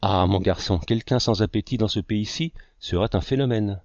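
A man voicing an older uncle who teases his nephew with deadpan seriousness, in a low voice. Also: moderate pace, no echo, lo-fi sound, lightly acted. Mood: teasing. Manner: deadpan teasing. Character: teasing older uncle, dry wit.

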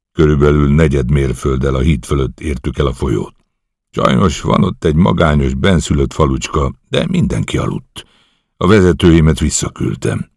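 An eager, bold young commando officer, read by a man who reports his mission earnestly and respectfully. The voice sits very deep with a gravelly edge and a husky grain. It sounds dry and close. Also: a little mellow, no echo, exaggerated voice.

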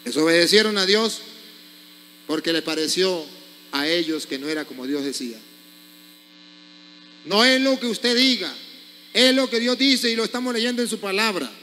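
Forceful high-voiced priest preaching. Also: male voice, animated, normal speed, pauses often, big-room sound, a little hiss or hum. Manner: forceful, scolding rhetorical questions. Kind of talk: sermon.

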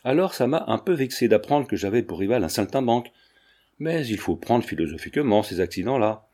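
A man reading an audiobook, voicing a suave scheming baron who stays calm and coaxing. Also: on the low side, fairly quick. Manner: smooth, coaxing, unruffled.

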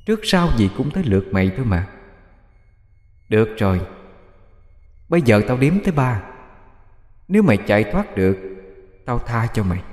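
A man voicing a cruel, mocking female ghost in an audio horror story, speaking in a hushed, menacing way. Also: medium pitch, sing-song, moderate pace, long pauses, roomy sound, in a large hall, lightly acted.

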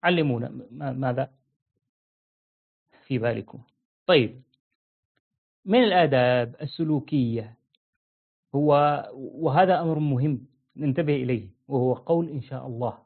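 A man giving an interactive religious lesson, quizzing listeners with repeated questions and slowing down to stress key phrases. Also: medium pitch, vocal fry. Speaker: religious teacher. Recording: narrow phone-like audio.

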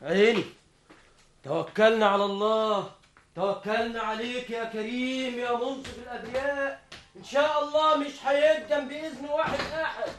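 A man voicing a defensive suspect in a theft, protesting loudly, in an Egyptian accent, in a radio drama. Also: extremely high pitch, steady tone, normal speed. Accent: Egyptian Arabic. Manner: protesting, exclaiming. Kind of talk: vintage radio drama acting.

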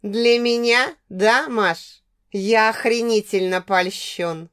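A woman's voice: fairly high pitch, takes it slowly, fairly bright tone, smooth. A woman voicing a drunk, aggressive young man who taunts his ex-girlfriend, in an audiobook. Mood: taunting. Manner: taunting, sneering.

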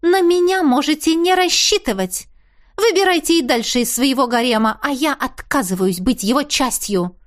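A fiery young woman, as the reader voices her, sharp-tongued and sarcastic. Her voice jumps high and gets loud as she protests. She is indignant and quick to bite back. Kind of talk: audiobook character voice.

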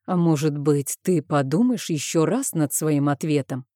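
A smug male villain drawls down the phone with lazy contempt, as a woman reads him out. The voice is low and dark, set against a dry, close recording, as in an audiobook. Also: lively intonation, measured pace, no room sound. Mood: mocking. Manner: condescending, drawling. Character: smug arrogant man, misogynist villain on the phone.

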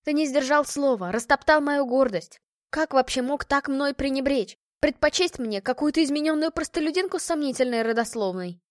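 A woman's voice: high-pitched, expressive, brisk, hardly any pauses, no room sound, studio quality, pitched above the performer's own voice. A woman reading the part of a proud, bitter young noblewoman who has been jilted, accusing and sarcastic in an audiobook.

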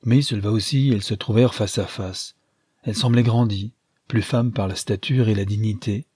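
A man narrating a literary audiobook in a measured storytelling manner, with a husky voice. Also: lowish voice, steady tone, warm tone, no echo, clean studio sound.

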